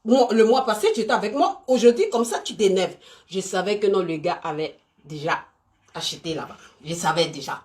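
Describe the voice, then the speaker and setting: A woman's voice: medium pitch, brisk. A woman talks live to her viewers, emphatic and repetitive. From Côte d'Ivoire. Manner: animated, emphatic and repetitive, talking straight to viewers. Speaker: live stream host. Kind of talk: unscripted live stream talk.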